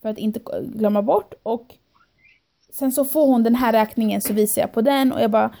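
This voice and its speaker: Young woman retelling a story, mellow. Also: on the high side. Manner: animated storytelling, quoting herself and others; mixes in English phrases. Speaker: podcast guest. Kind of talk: casual podcast chat.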